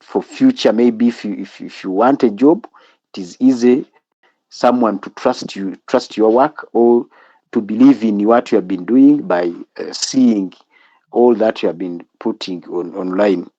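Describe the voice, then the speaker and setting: A man with a Ugandan English accent, a student in an online class, speaking haltingly with many restarts. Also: on the low side, dark tone, dry recording, highs cut off. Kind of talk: class discussion. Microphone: video call.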